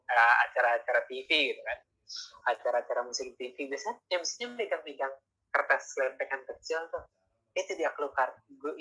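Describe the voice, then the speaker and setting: A sales trainer with a medium-pitched, sharp voice and a breathy edge gives a casual online sales lecture over a video call. He's chatty and keeps adding tag questions, and the call audio sounds tinny.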